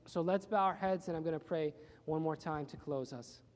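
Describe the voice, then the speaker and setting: A man's voice: fairly high pitch, normal speed. A male pastor giving an earnest, plain-spoken sermon in a church, repeating phrases for emphasis. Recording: reverberant church hall.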